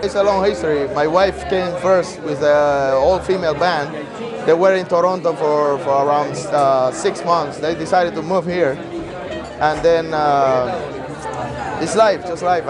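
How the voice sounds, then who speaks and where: A man's voice: fairly high pitch, unhurried, a crowd in the background. A man from Cuba with a Cuban Spanish accent, a musician talking casually in an interview and often repeating his words.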